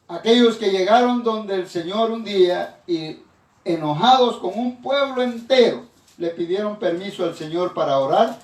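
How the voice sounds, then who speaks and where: Male pastor, sermon delivery, higher-pitched voice, echoey room, mic at a distance. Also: a little mellow. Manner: preaching with repeated "hermanos", frequent restarts.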